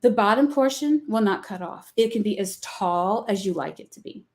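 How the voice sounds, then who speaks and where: This is a middle-aged Southern woman hosting a live craft demonstration for her company; she's chatty and folksy, wandering through explanations with plenty of fillers. Her mid-range voice has lively intonation and a slightly mellow quality at a moderate pace, with slight background noise.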